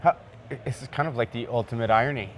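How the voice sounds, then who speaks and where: A man's voice: mid-range voice, fast talker, a little hiss or hum. A man hosting a podcast, talking in a casual, enthusiastic, slangy way. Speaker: podcast host.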